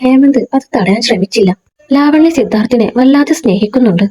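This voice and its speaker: Mellow, breathy woman telling a story. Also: a little high, lively intonation, fairly quick, low-quality recording. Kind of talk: scripted story narration.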